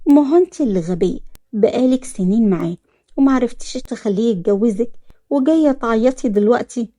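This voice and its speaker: A woman's voice: a little high, animated, fairly quick, mellow, no echo, clean studio sound. A woman with an Egyptian accent voicing a scornful man on the phone who mocks his accomplice. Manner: mocking, scornful.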